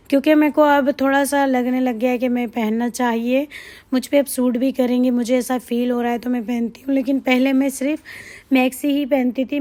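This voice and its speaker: Hoarse, high-voiced chatty woman. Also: warm tone. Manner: chatty, rambling, repeats herself. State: hoarse from a cold. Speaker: shopping vlogger. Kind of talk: casual vlog voice-over.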